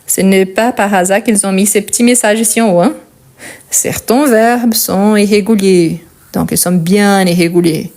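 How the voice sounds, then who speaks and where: Woman w/ portuguese accent doing a french grammar lesson, slow and careful, keeps checking "ok?". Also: mid-range voice, darkish tone. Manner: patient, explains step by step with frequent checks. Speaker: French teacher. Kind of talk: conjugation lesson.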